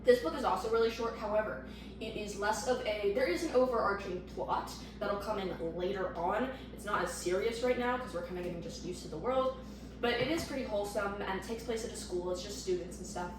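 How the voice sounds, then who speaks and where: A woman's voice: mid-range voice, brisk, distant mic. Teen girl vlogger, sick, chatty and rambling, heard from off mic in a very echoey room with faint noise. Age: teens. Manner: chatty, rambling, self-deprecating. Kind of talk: casual vlog talk to camera. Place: at home.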